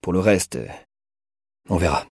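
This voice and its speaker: A man voicing a stern young soldier in a storybook reading, with a low, firm voice that turns soft and hushed. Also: a little slow, husky, no room sound, clean studio sound, full character voice. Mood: gentle, hushed. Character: stern young male soldier, harsh in public, tender in private.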